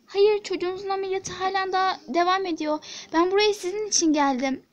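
A woman voicing a patient hospital nurse who talks softly and hesitantly, pleading for calm. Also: very high-pitched, a little fast, dull audio. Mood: coaxing. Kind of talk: Turkish toy-app drama voice acting.

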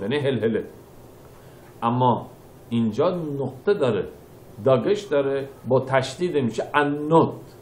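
A man giving a sermon as a rabbi, reading verses and explaining them phrase by phrase, moving between quiet explanation and loud emphatic bursts. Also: medium pitch, roomy sound. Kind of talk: sermon teaching scripture.

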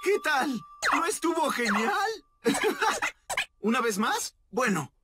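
Giggling and exclaiming, a woman voices a playful, cheerful little girl chatting to the things around her in a Latin American Spanish fan dub of a kids' show. She's a dub actress with a high-pitched, very animated, exaggerated voice and a slow pace, set against heavy background noise and loud children's music.

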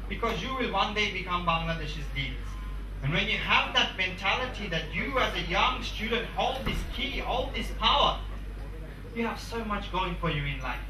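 Recorded from afar in an echoey conference hall, a young motivational speaker from England addresses students through a handheld mic. He's in his twenties, with a high, animated voice at a moderate pace, and his speech is emphatic and repetitive against background noise.

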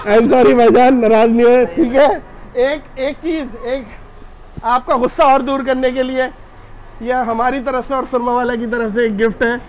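A man's voice: very high-pitched, a little mellow, muffled recording. A man playing a prankster shopkeeper in hidden-camera banter, teasing and stalling with mock innocence.

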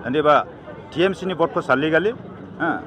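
A middle-aged man with a Northeast Indian accent, a political candidate, argues emphatically in a press interview and mixes in English. His voice is on the high side, animated, a little fast and a bit bright. He's outdoors at an evening gathering, recorded on handheld news microphones held close, with a busy crowd audible behind him.

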